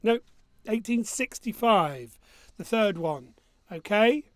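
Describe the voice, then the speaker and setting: A man's voice: sits high, expressive, slow, dry recording. A man with a missing front tooth hosting a quiz casually, reading questions and answers in a jokey, self-mocking way. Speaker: quiz host.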